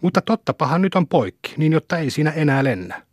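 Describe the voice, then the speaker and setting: Man doing a grumbling peasant, muttering, raised pitch, husky. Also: sing-song, no room sound, clean studio sound. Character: grumbling gloomy peasant cottager.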